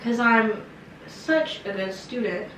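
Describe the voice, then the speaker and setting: A young woman telling a casual storytime, animated and slangy with lots of fillers. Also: a little high, takes it slowly, a little hiss or hum. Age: young adult. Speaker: vlogger. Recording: echoey room, mic some distance off.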